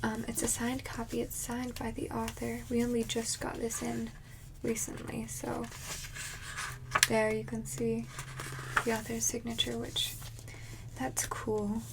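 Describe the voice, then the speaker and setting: A woman in an ASMR role-play as a friendly librarian, chatting casually and haltingly in a soft, breathy soft voice. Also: completely flat delivery, background noise. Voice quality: soft, breathy soft voice with some low voicing.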